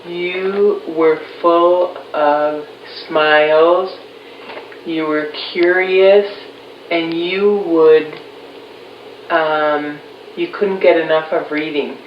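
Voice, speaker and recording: A woman in her fifties from Chicago, recalling her childhood in a relaxed family interview with pauses. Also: low voice. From Chicago, USA. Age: 50s. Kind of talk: casual recorded family interview. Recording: roomy, distant, dull, faint hiss.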